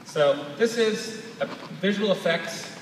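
A man's voice: sits high, slow. A man giving a conversational, explanatory live product demonstration on stage as a presenter. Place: large auditorium stage, recorded from far in audience. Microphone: distant camera picking up PA sound. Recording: echoey large hall, distant, noisy audience recording.

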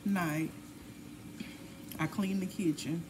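A woman's voice: on the low side, steady tone, slow. Tired woman chatting in a noisy kitchen. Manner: chatty, talks while cooking and cleaning. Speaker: family vlogger. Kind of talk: casual chat. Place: home kitchen.

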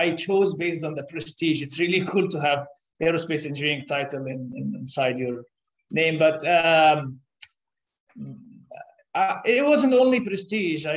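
A man born in Egypt, a professor, answers interview questions explanatorily in a conference room, captured by a camera across the table. His voice is on the high side, and he speaks thoughtfully, often pausing with "uh" and restarting. The room is echoey.

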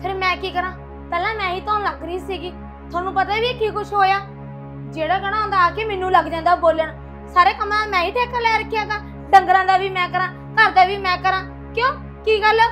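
A woman's voice: very high-pitched, steady tone. A woman playing an overworked elder daughter-in-law who complains and argues back. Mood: complaining. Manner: complaining, quick and defiant. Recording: music under the dialogue.

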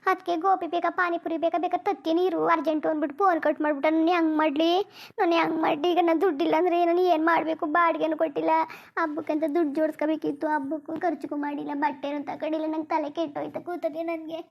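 A woman's voice: very high voice, little pitch movement, fast, creaky. A woman voicing a distressed young housewife in a cartoon who frets and pleads about lost money. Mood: tearful. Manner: tearful and pleading.

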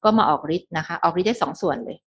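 A middle-aged woman lectures on a medical topic in a slightly low voice. She explains each step patiently and drops English technical terms into her speech, softening her sentences with polite particles. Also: rapid-fire, husky.

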